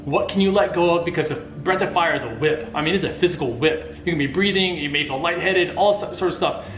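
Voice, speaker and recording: A man's voice: fairly high pitch, brisk, a bit bright. A man co-hosting with motivational talk, earnest and emphatic, often repeating phrases for weight. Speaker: co-host. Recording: roomy echo, faint noise.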